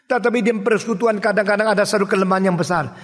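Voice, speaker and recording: An older man delivers a sermon, his voice pitched high and his delivery emphatic. He swings between quiet low murmurs and sudden high outbursts. The sound carries a long reverb, as in a large church hall. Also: fairly even intonation, racing. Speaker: pastor.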